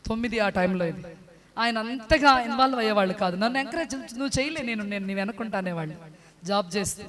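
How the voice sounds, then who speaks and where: A woman giving an earnest, fervent spoken testimony about her faith, sometimes asking her listeners questions. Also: mid-range voice. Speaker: church member giving testimony.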